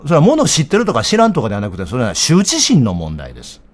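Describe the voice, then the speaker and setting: A middle-aged man with a Kansai accent giving blunt, heated political commentary in a casual, rough-spoken way. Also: mid-range voice, huge pitch swings, quick pace.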